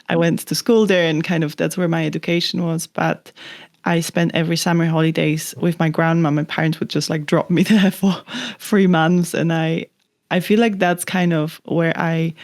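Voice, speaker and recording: A woman's voice: lowish voice, a little mellow, no room sound, clean studio sound. Young Polish-born woman, chatty and reflective. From Poland. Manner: thoughtful, rambling, many "like" fillers. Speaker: photographer guest. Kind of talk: casual interview chat.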